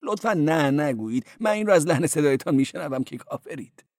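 A high, sing-song male church porter who giggles, gushes and preaches at whoever will listen, as a male reader puts him on. His voice swoops up and down with lively, lecturing delight. The audiobook sound is dry and close. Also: gravelly, dry recording. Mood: sly, gleeful. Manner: giggling, effusive and sly, lecturing.

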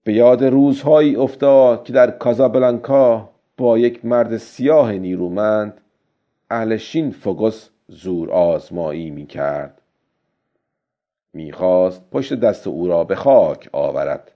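A man with a gravelly voice narrating a novel in a measured, steady reading, on a dull lo-fi recording. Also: lowish voice. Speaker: audiobook narrator. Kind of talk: scripted narration.

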